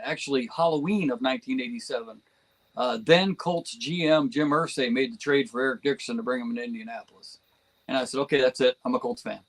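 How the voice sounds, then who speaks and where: A man's voice: medium pitch, a bit bright, poor audio. A man from New Jersey chatting as a guest on a fan podcast, enthusiastic and rambling, with frequent chuckles. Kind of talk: casual podcast chat.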